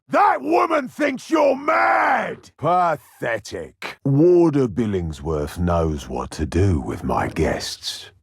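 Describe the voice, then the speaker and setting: An actor playing a menacing, deranged Victorian serial killer in a video game, husky and gravelly, with a theatrical, taunting delivery. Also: male voice, lowish voice, no room sound, clean studio sound, full character voice. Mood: furious, manic, then cold menace. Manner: theatrical, taunting, drawn-out delivery swinging between murmur and roar. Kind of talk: video game villain voice acting.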